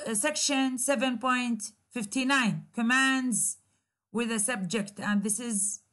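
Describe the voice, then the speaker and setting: A woman with an Iraqi Arabic accent, a native Arabic speaker, giving a slow grammar lecture in English and repeating key phrases and examples. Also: fairly high pitch, a bit bright. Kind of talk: recorded university lecture.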